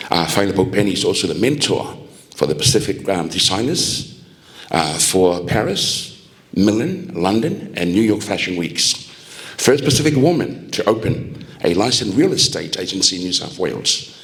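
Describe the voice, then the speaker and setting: A man working as an event MC, reading formal introductions haltingly, with hesitations and restarts. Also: low voice, fairly bright tone. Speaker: event MC introducing pageant judges. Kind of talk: formal scripted announcing.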